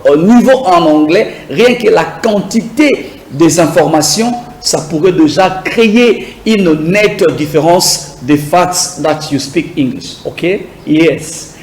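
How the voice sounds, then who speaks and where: Man, English teacher, high voice, unhurried, repeats each word for the class, roomy echo. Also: animated, darkish tone, slight background noise. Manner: slow, repetitive drilling, asks viewers to repeat. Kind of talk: beginner English lesson.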